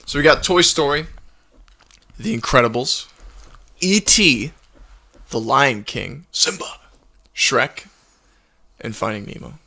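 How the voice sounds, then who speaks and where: A man's voice: medium pitch, animated, slow pace, long pauses, bright, forceful tone. A young man hosting a podcast in casual chat, easygoing and affirming, laughing along with his guest. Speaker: podcast host.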